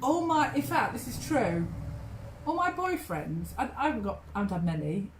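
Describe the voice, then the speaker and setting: A teasing woman in her fifties from England chats with a fairly high voice that swings up and down. She often laughs as she talks. The room adds a roomy echo. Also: sing-song, moderate pace, slight background noise. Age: 50s. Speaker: singing teacher co-host. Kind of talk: casual chat between songs.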